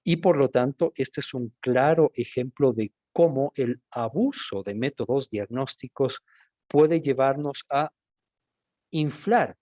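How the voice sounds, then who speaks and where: A man from Ecuador with an Ecuadorian accent, a physician giving a measured, explanatory recorded medical lecture that addresses listeners directly. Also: medium pitch, darkish tone, dry recording, studio quality. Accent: Ecuadorian Spanish.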